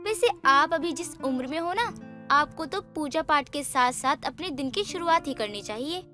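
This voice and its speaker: A woman's voice: high voice, expressive, normal speed, sharp tone, soft background music. A woman voicing a bold young daughter-in-law who speaks forthrightly. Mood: teasing.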